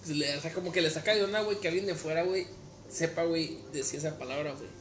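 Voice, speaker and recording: A man in a casual chat, excited and stammering on restarts. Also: a little high, fast talker. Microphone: phone. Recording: echoey room, music behind.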